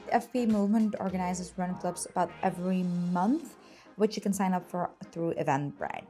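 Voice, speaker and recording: A woman's voice: on the low side, normal speed. Upbeat woman vlogging over music. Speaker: lifestyle vlogger. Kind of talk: casual vlog narration and haul chat.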